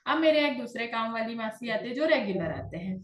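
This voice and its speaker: A woman telling a personal story to her class in a calm, conversational way. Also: on the high side, brisk, roomy sound. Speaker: class leader.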